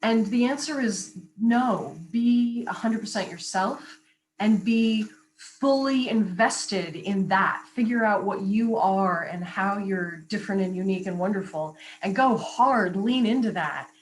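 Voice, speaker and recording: This is a woman voice coach speaking as an interview guest. She talks with animated emphasis and quick asides. Her pitch sits in the middle range, and a faint hum runs underneath the recording. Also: rough recording. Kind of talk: casual interview chat.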